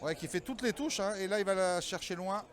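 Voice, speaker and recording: A man's voice: sits high, a little fast. A man giving emphatic, opinionated live football analysis, often repeating his phrases. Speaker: football co-commentator. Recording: loud stadium crowd behind, outdoors. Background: loud crowd.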